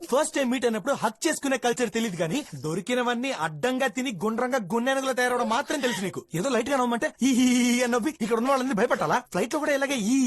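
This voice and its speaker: A man's voice: very high voice, no room sound. An actor playing a rude, teasing young man who mocks his date in Telugu-accented speech. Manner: mocking, sarcastic, fast-talking. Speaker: film character on a date.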